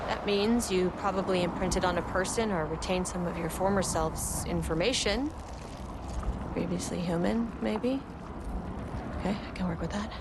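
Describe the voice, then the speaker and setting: A woman's voice: fairly low pitch, normal speed, heavy background noise, natural voice. An actress playing a composed, businesslike female federal agent in a video game, with formal, procedural wording in the face of danger. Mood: probing, dry.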